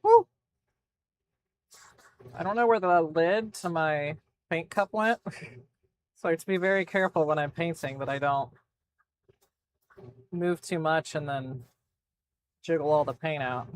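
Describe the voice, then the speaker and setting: A woman making props, chatting casually as she paints at her home workshop desk and slipping into high baby talk with her dogs. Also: measured pace, long pauses, no room sound. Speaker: prop maker. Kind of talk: casual chat while painting. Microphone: phone used as webcam.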